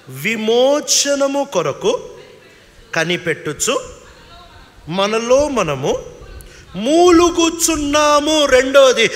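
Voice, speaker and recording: A man's voice: sits high, fairly bright tone, long reverb tail. A man with a Telugu accent preaching a sermon as pastor, dramatically voicing creation's laments in shifting tones. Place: church hall.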